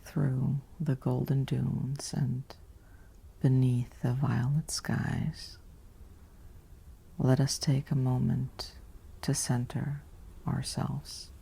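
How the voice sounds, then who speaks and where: This guided sleep meditation is narrated by a woman whose extremely low, mellow voice is laden with vocal fry, delivered in a soft ASMR whisper. She keeps a calm, even rhythm, leaving long gaps between short phrases.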